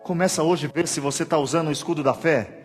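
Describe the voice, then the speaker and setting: A male pastor preaching a sermon in a church, swinging between hushed and shouted passages. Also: fairly high pitch, fairly even intonation, quick pace. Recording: long church reverb, soft music.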